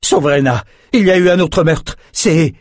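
A man's voice: medium pitch, moderate pace, no room sound, clean studio sound, pitched above the performer's own voice, lightly acted. A man voicing a frightened, distraught palace guard in an audiobook, urgent and pleading. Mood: panicked. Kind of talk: audiobook character voice.

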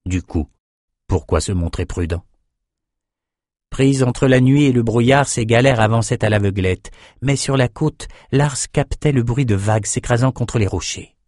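A man reading a fantasy novel aloud as an audiobook narrator, in a steady, measured way. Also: medium pitch, dry recording, clean studio sound. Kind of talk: scripted narration.

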